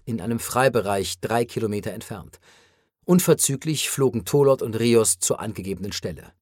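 A man reading an audiobook in even, clear scripted narration. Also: medium pitch, no echo, studio quality.

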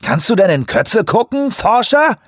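A man voicing a huge, furious male eco-activist who shouts, scorns and preaches. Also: high-pitched, sing-song, a little slow, husky, no room sound, studio quality, voice pushed up, exaggerated voice. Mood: mocking.

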